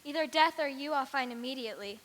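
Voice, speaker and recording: A woman's voice: sits high, fast, a bit bright. A woman playing an earnest young noblewoman in love in a school stage play. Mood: frightened. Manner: earnest verse. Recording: echoey hall.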